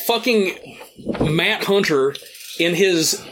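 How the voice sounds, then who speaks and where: A man's voice: high-pitched, expressive, slow, background noise. A man co-hosting a casual podcast, arguing for his movie pick with enthusiasm, lots of fillers and swearing. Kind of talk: casual debate chat.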